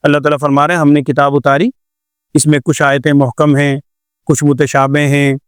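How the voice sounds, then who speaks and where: An older man from Pakistan gives a patient classroom lecture on Quran recitation, repeating examples and asking rhetorical questions. His voice sits somewhat high and comes across smooth and resonant. The sound is close and dry, with no room around it. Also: level tone, no room sound.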